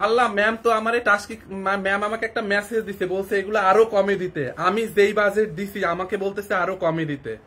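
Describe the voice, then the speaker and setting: Young man with a cold, high bright voice, rapid-fire live sales pitch, excitable. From Barisal, Bangladesh. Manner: excited, rapid hard-sell patter. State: has a cold. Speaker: live sale host.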